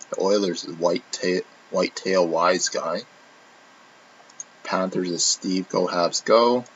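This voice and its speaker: A man's voice: low-pitched, a bit bright. A man hosting a live trading-card box break, casually reading out a long list of teams and names, correcting himself often. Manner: reads off a long list of names, with frequent restarts. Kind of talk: casual live-stream commentary. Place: indoor room. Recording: dull lo-fi stream audio with faint noise.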